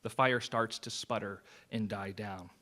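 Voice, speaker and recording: A man's voice: fairly low pitch, fairly even intonation, measured pace, pushed and bright. Earnest male pastor preaching. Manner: earnest, conversational preaching with personal anecdotes. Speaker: associate pastor. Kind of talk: sermon.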